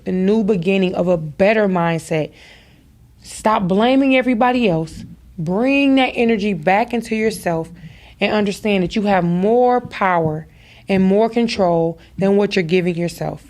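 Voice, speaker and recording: Emphatic repeated phrases drive the motivational talk this mother gives on her podcast, speaking to listeners directly in a preacher-like way. Her mid-range voice is a little mellow and moderately paced.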